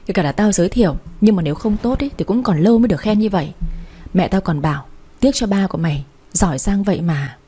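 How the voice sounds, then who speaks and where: A woman's voice: medium pitch, quick pace, warm tone, slightly rough, close to an everyday voice. A woman reading the part of a blunt, loyal young woman who talks to her friend frankly and teasingly. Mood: fondly scolding. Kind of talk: audiobook character reading.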